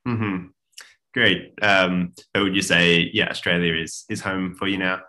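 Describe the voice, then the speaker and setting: A man's voice: low-pitched, fairly even intonation, measured pace, pushed and bright. A man hosting a podcast interview, encouraging his guest with frequent mm-hmms and ums. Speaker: podcast host.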